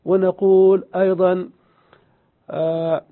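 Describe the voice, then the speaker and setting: Male grammar teacher, high-pitched voice, phone-quality audio, methodical lecture delivery. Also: little pitch movement. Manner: slow, deliberate explaining, repeats examples, asks and answers his own questions. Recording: tinny phone-like sound.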